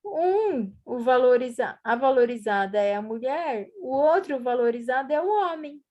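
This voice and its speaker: A woman's voice: sits high, lively intonation, normal speed, lo-fi sound. A woman tutoring one student over a video call, patiently explaining and reading example sentences aloud with varied intonation. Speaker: writing tutor. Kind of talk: online one-on-one lesson.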